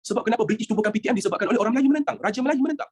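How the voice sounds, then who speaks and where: A history teacher with a Malaysian accent gives an animated lesson, firing rhetorical questions at students and mixing in English phrases. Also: mid-range voice, very fast, breathy edge.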